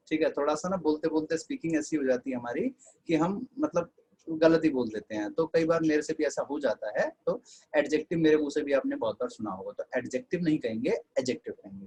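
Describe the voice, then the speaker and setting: A man's voice: a little high, a little mellow, breathy edge, rough recording. A man with an Indian accent teaching an online English class, chatty and scolding students fondly.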